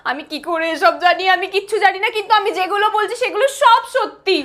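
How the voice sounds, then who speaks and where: A woman's voice: extremely high pitch, quick pace, a bit bright. A young woman playing an elder daughter stuck as a clumsy lamp genie in a family comedy skit, talking in a dramatic, whiny, theatrical way. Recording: music playing under the voice. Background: background music.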